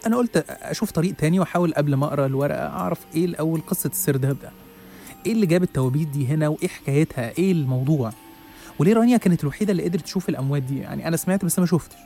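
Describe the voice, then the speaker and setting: Young egyptian guy racing through a spooky story, mellow dark tone, stumbles and restarts, soft music behind. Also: fairly high pitch, creaky. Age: young adult. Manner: rapid, dramatic, with hesitant restarts. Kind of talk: first-person horror story narration. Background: faint music.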